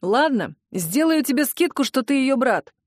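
A self-assured young man speaks slowly and with a mocking edge, as a woman narrator gives him a slightly lower voice. He stays cool and condescending. Dry, close audiobook sound. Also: sing-song, no echo. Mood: smug. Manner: mocking, unhurried. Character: cocky calm young man, smoking boyfriend.

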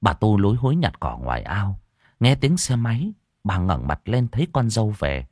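Low-voiced man narrating a ghost story. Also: normal speed, no room sound, clean studio sound. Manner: dramatic, expressive storytelling.

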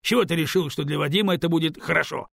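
A man voicing a stern, sarcastic magical stone in an audiobook, with a curt, firm, mocking manner and a husky voice. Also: on the high side, quick pace, fairly bright tone, no room sound, studio quality, full character voice. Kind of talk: audiobook character voice.

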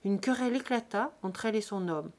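A woman reading a classic novel aloud as an audiobook, with an expressive, measured delivery. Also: mid-range voice. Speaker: audiobook reader. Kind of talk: scripted narration.

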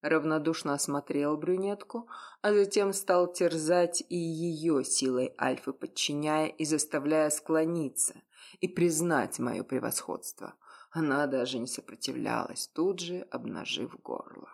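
An audiobook narrator reading a dark first-person story, dramatic with hushed asides. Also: medium pitch, measured pace, creaky.

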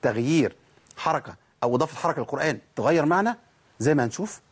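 رجل مصري يعطي درس تجويد بلهجة مصرية، يشرح خطوة بخطوة ويطرح الأسئلة ويجيب عليها بنفسه. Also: male voice, a little high, animated, racing, slightly rough. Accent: Egyptian Arabic. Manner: explains step by step, asks and answers his own questions; acts out students' objections. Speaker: Quran recitation teacher. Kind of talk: tajweed lesson.

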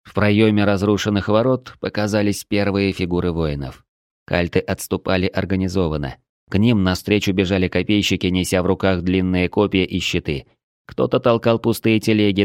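A man narrating a first-person fantasy audiobook in a steady, measured way. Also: low-pitched, clear, resonant tone, no echo, studio quality.

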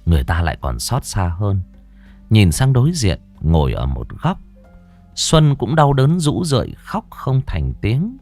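A man's voice: on the low side, wildly swooping pitch, unhurried, a little mellow, soft background music. A man reading a ghost story aloud in a dramatic, mournful storytelling manner, close to the mic. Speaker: narrator. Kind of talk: scripted ghost-story narration.

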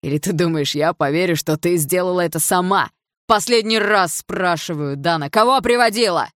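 Woman doing a raging stepfather, middle-aged man, low voice, shouting accusations, dry close sound. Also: unhurried, creaky, slightly rough, dry recording, heavily acted. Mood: furious.

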